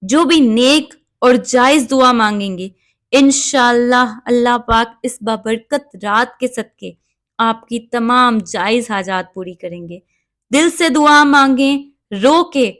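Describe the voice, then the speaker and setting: A woman giving calm, measured step-by-step prayer instruction and reciting Arabic prayers along the way. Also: on the high side. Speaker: religious instructor.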